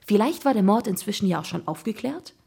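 A woman's voice: medium pitch, lively intonation, fast, vocal fry, dark tone, husky. A woman narrating a children's crime audiobook in a suspenseful storytelling manner.

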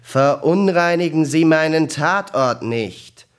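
A man voicing a grumpy, laid-back male detective who talks in a gruff, dry, bored way. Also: fairly high pitch, animated, slow pace, pitched above the performer's own voice.

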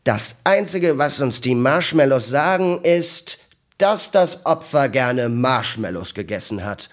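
A man voicing a grumpy, laid-back male detective who talks in a gruff, dry, bored way. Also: mid-range voice, lively intonation, slow pace, voice pushed up.

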